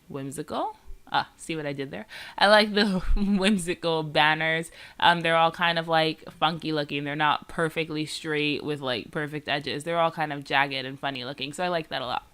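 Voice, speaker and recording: A woman's lowish voice comes through clear and resonant, fairly bright, though nasal and congested from a cold. As a scrapbooking vlogger she chats about her process in a rambling way, peppered with "like" and "um."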